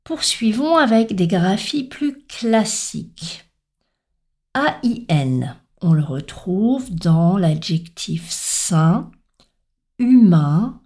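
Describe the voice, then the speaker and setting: A French pronunciation teacher with a soft, mellow, mid-range voice gives a slow, deliberate lesson on sounds. She spells out letters one at a time and clearly stresses each example word.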